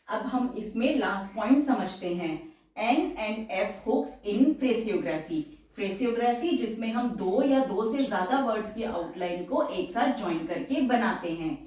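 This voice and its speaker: A woman shorthand teacher, explaining slowly and repeating each example word several times. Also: medium pitch, darkish tone. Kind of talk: explanatory lesson. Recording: very echoey room, voice far from the mic.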